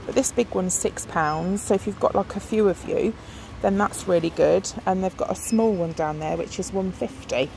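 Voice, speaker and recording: A middle-aged woman speaks in a darkish, mid-range voice with vocal fry, at a moderate pace with hardly any pauses. She's a shopping vlogger filming the aisles of a large discount shop on her handheld phone, chatting casually and thinking aloud with many ums. The shop sounds noisy.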